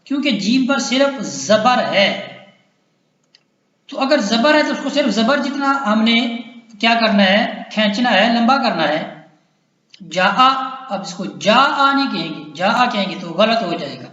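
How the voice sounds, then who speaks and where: Slow, high-voiced man teaching Quran reading. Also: expressive, pushed and bright. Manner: patient, repeats syllables, asks and answers his own questions; draws out and chants vowel syllables. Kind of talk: slow recitation lesson. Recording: dull echoey room recording.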